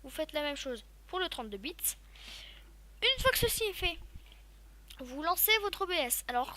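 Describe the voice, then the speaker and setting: A woman giving a casual, chatty step-by-step software tutorial, talking loosely with lots of fillers. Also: high voice. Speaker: tutorial YouTuber.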